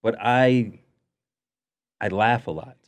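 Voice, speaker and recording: A man's voice: lowish voice, slow. A young man co-hosting a casual podcast chat, telling stories with lots of restarts and laughter. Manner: rambling storyteller, stammers and restarts, laughs often. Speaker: podcast co-host.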